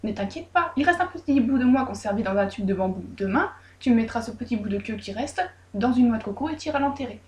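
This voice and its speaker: A woman voicing a gentle little male fish spirit, speaking softly and soothingly. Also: on the high side, animated, fast, lightly acted. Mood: consoling. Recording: roomy echo.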